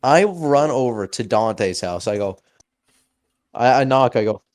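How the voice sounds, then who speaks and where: Slow, animated young storyteller man. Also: mid-range voice. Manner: animated, acts out voices in anecdotes. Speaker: podcast co-host. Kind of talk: casual storytelling.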